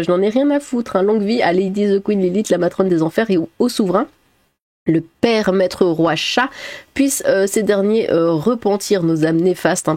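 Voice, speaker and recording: Woman reading her comments out loud, laughs a lot, mid voice, super dry close sound. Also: medium pitch, no echo. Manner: laughs often, swears, chatty asides. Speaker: YouTuber reading viewer comments. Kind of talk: casual chat.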